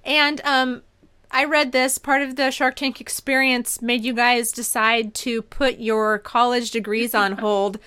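A woman's voice: fairly high pitch, little pitch movement, unhurried, pushed and bright, clean tone. A woman hosting a casual interview, asking questions in a bubbly, encouraging way. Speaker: interview host.

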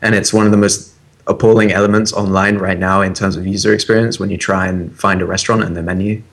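A man with a fairly low voice chats on a tech podcast. He is opinionated and animated, and he talks with lots of ums and restarts. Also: fast. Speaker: podcast co-host. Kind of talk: casual tech chat.

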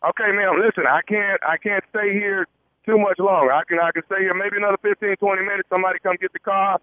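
A man heard over the phone, calmly and politely posing as a police officer and pausing often with "uh". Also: high-pitched, dry recording. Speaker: radio prank caller. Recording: tinny phone line, dry.

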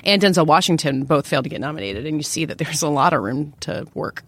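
A woman's voice: deep voice, lively intonation, quick pace, breathy edge, dry recording. A woman co-hosting a casual podcast chat about awards, talking eagerly and laughing easily. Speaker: podcast co-host.

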